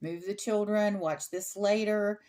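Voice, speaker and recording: A middle-aged woman hosting an informal Bible study, reading scripture aloud and explaining it in a frank, unhurried way with pauses and restarts. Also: mid-range voice, steady tone, warm tone.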